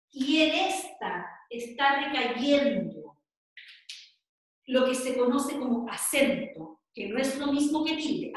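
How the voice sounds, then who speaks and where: A woman with a Chilean Spanish accent teaching an online class, explaining patiently and often checking in with her students. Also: high voice. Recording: very echoey room.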